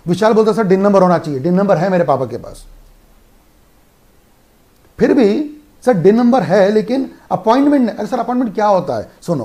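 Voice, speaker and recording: Indian male law tutor, high voice, emphatic revision lecture, quick rhetorical questions. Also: a little mellow. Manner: emphatic, asks and answers his own questions. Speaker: law teacher.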